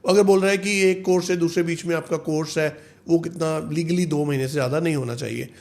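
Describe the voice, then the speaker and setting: A man, a visa consultant explaining rules in a video, reading the text slowly and then explaining it in Hindi. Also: fairly high pitch, steady tone, a little mellow.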